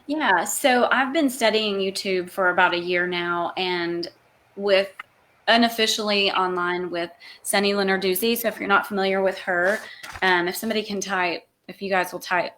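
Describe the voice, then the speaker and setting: A woman yoga teacher hosting a live online Q&A over a video call, explaining in a chatty way with quick restarts. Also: mid-range voice, fairly bright tone, slight background noise.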